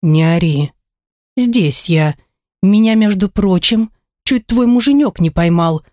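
A woman's voice: mid-range voice, lively intonation, slow, dark tone, no room sound, clean studio sound. A woman voicing a grumpy, bungling male spirit who talks bluntly in an audiobook. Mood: irritable. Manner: blunt, irritable.

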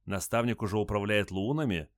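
A man's voice: fairly low pitch, fairly quick, dry recording, studio quality, lightly acted. A man voicing a dazed, wary young space pilot who talks bluntly.

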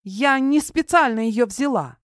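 A woman reading an audiobook, voicing a jumpy, sharp-tongued young woman who gabbles fast and snaps back. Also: fairly high pitch, lively intonation, no room sound, clean studio sound, pitched above the performer's own voice, natural voice. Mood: flustered. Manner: rapid, flustered, snapping.

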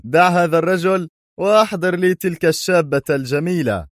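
A hoarse, fierce hijacker leader, as a male narrator puts him on, taunting and threatening. His voice rides well above a plain speaking pitch and sounds close and dry. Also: brisk, dry recording, close to an everyday voice. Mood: sneering. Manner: sneering, threatening.

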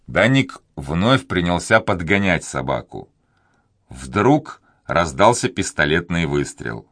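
A man narrating an adventure novel in a measured, even reading voice. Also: sits low, dry recording, clean studio sound. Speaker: audiobook reader. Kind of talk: scripted narration.

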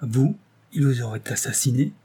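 A man's voice: mid-range voice, expressive, moderate pace, dark tone, breathy edge. A man reading a cheerful naive young man. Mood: eager. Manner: eager and guileless. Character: good-natured naive young man, cheerful and easily moved.

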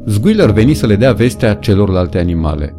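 A man's voice: fairly low pitch, very animated, dark tone, faint music behind. A man reading a novel aloud as an audiobook narrator, with dramatic storytelling. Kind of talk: scripted narration.

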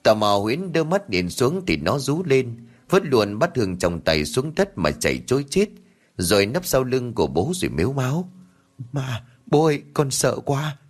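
A man reading a ghost story aloud in a dramatic, expressive manner. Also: mid-range voice, moderate pace. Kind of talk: scripted ghost story narration.

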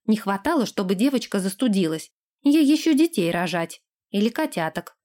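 Woman voicing a calm, motherly older woman. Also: medium pitch, moderate pace, natural voice. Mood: unflappable. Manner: unflappable, dry.

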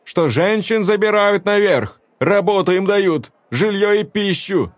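A man reading a story aloud voices a desperate young woman who shouts through tears at a cowering crowd. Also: mid-range voice, lively intonation, a little slow, dry recording, pitched above the performer's own voice, lightly acted. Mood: furious accusing. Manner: shouting, tearful, defiant.

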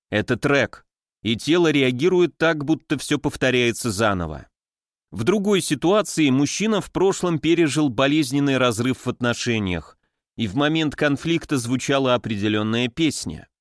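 A man giving a calm, measured psychology lesson, speaking directly to the listener in scripted narration. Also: mid-range voice, no echo, clean studio sound. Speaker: psychology lecturer.

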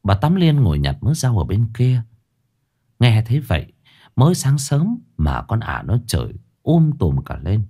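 Man, ghost story narrator, lively expressive intonation, mid pitch. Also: a little slow, husky. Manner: dramatic, expressive reading.

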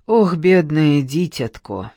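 A narrator voicing a tender, pious old nanny who soothes slowly with folksy endearments. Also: mid-range voice, lively intonation, warm tone, no room sound, studio quality. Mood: grieving. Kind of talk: audiobook character reading.

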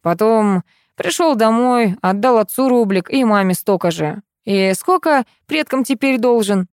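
A woman voicing a brash, crafty male loader who haggles in rough slang. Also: on the high side, lively intonation, a little slow, a little mellow, no echo, clean studio sound, pitched above the performer's own voice. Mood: cocky.

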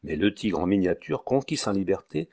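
A man narrating an audiobook of a classic novel in a measured, literary storytelling way. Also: low voice, sing-song, vocal fry, a little mellow.

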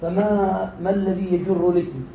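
A man's voice: high voice, fairly even intonation, moderate pace. Male teacher quizzing students in an echoey room. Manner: quizzes students, repeats their answers, then reads and explains with rising force. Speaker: teacher of grammar. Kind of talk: classroom lesson with questions to students. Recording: roomy, dull lo-fi lecture recording with faint hiss.

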